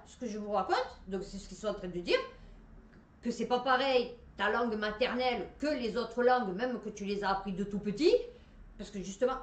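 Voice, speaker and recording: A woman's voice: sits high, recorded from a distance. Chatty Marseille woman in a roomy echo. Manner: chatty, many fillers and restarts, reads headlines aloud. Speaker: host reading science news. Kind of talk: casual commentary on news articles.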